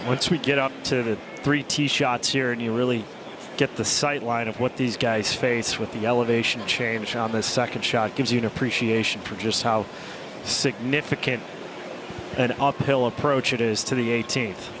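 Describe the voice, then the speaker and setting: A man's voice: medium pitch, steady tone, normal speed, noisy background. A man hosting as a golf commentator, delivering polished, concise broadcast announcing. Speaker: golf commentator, play-by-play host. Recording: loud music under the broadcast.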